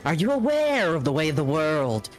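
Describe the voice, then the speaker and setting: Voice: medium pitch, sing-song, normal speed, faint music behind, close to an everyday voice. A player voicing a cocky, menacing old male tavern keeper in a sly, theatrical manner during a tabletop game. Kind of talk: tabletop role-play acting.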